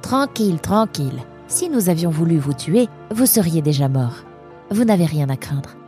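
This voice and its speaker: A woman's voice: low voice, very animated, normal speed, dark tone, soft background music. A woman voicing a prickly, proud young woman traveler in a storybook reading, speaking in a snappish, impatient way. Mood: urgent.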